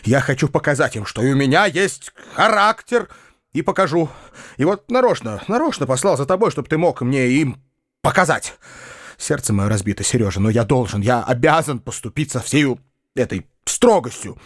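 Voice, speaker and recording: A soft-hearted, excitable former cavalry officer, now a country uncle, who declaims his resolve and flies into shouting fits, as a male audiobook reader puts him on. His voice leaps about with lively swings of pitch. The sound is close and dry. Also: moderate pace, no room sound, lightly acted. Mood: agitated. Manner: agitated, declamatory, rising to shouts. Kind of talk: audiobook character reading.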